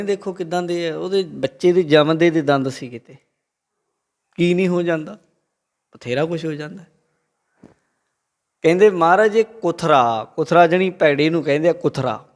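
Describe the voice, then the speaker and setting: A man with a Punjabi accent giving a religious talk, preaching and telling a story to a congregation. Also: on the high side. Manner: lively, quotes the Guru and tells a story to the congregation. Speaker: Sikh preacher.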